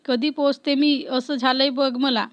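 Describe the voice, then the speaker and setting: A woman voicing a young female officer who is strict, playful and quick to scold. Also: high-pitched, fairly even intonation. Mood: teasing. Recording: dull lo-fi recording.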